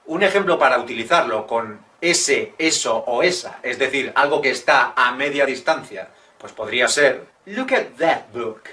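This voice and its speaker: A man teaching English in a video lesson. He makes jokey asides and reads his English examples slowly and carefully. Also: mid-range voice, lively intonation, sharp tone, recorded from a distance. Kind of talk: Spanish-language English lesson.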